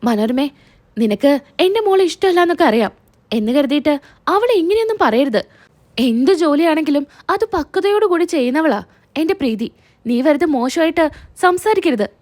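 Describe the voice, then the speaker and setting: A woman's voice: sits high, animated, moderate pace, darkish tone. A woman reading the lines of a middle-aged mother who firmly defends her daughter. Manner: pleading, firm.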